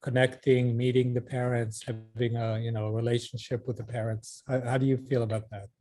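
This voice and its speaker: A man moderating a panel, gently prompting a guest with questions. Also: mid-range voice, flat delivery, a little fast. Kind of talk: interview questions. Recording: distant from the mic.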